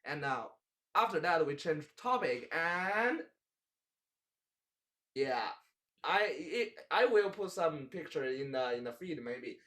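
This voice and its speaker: Chinese-accented man hosting, slightly high. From China. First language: Mandarin. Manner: halting, searches for English words, animated hand gestures. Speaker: talk show host. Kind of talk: casual chat. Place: small indoor room, seated at a table.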